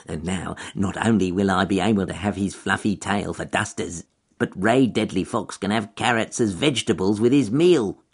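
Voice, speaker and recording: A man's voice: low voice, moderate pace, slightly rough. A man voicing a sneaky, lying weasel in a storybook, talking slyly and hissing through his teeth.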